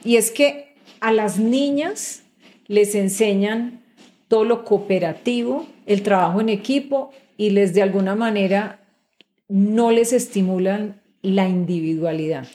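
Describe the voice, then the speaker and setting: A middle-aged woman speaks as a guest in a relaxed interview. Her pitch sits in a mid range for a woman. She explains her points patiently and keeps checking that the listener is following. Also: measured pace. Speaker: guest executive. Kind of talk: conversational interview.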